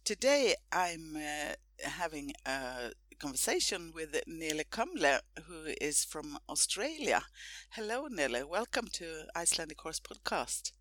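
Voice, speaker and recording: A woman's voice: deep voice, big pitch swings, unhurried, fairly bright tone, dry recording. A woman hosting a podcast interview, asking questions in an enthusiastic, chatty way. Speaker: podcast host. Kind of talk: casual interview. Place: home in Sweden.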